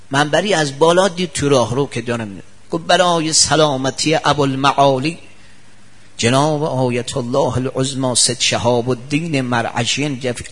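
A male preacher giving a sermon full of anecdotes, acting out the people he quotes with sudden jumps in his voice. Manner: acts out quoted people with sharp pitch jumps.

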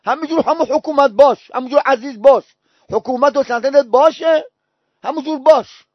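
A man's voice: very high voice, dry recording. A male preacher delivering a sermon, telling stories with emphatic repetition. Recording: dull, dry recording.

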